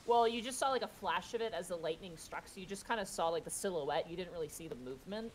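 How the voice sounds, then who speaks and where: Low-voiced woman running a tabletop game. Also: animated, fast, poor audio. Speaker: game master. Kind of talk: narrating a tabletop role-playing game. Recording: background noise, room ambience.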